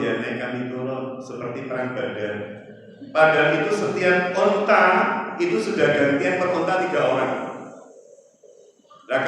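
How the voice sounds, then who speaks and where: Preacher in an echoey hall. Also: male voice, medium pitch. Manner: animated storytelling, acting out dialogue. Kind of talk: sermon. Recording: echoey hall, mic far off, faint noise.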